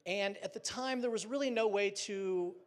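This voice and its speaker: Chatty high-voiced man presenting. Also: normal speed. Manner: casual, chatty, uses fillers and light jokes. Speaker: company representative presenting at a trade show. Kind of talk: live presentation with slides. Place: live event stage.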